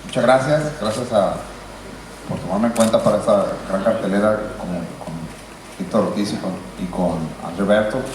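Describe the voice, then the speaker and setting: A man from Mexico with a Mexican accent, a boxer making unscripted, slightly halting remarks at a press conference. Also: on the low side. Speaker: professional boxer. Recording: echoey hall from far off, faint noise.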